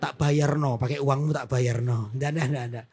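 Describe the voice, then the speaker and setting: A man's voice: medium pitch, steady tone, moderate pace, darkish tone. A man preaching a sermon, telling a story and calling on the congregation to say amen. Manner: storytelling, exhorting with call-and-response. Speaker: pastor.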